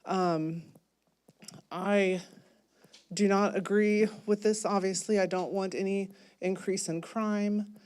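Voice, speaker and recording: Smooth-voiced woman, hesitant public comment. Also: medium pitch, steady tone, slow pace, a little mellow. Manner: hesitant, many ums. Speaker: resident giving public comment.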